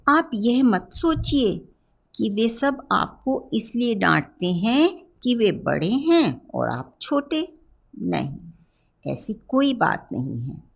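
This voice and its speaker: Slow gravelly-voiced woman teaching children. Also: fairly low pitch. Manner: slow, gentle, questioning children directly. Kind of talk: children's lesson narration.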